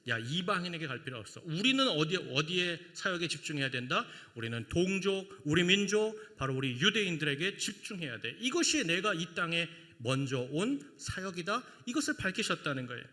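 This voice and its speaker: A male pastor delivers a sermon, pressing his points with rhetorical questions. His voice is high, very bright and widely swinging in pitch, and it carries the long reverb of a church sanctuary. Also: sing-song, brisk, few pauses. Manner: emphatic, asking rhetorical questions.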